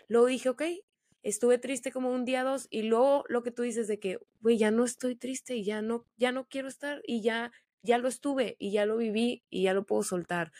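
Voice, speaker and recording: A woman's voice: a little high, a little mellow, dry recording, clean studio sound. A young woman hosting a podcast, chatting casually with slang. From Monterrey, Mexico. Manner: chatty, slangy, quick storytelling. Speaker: podcast host.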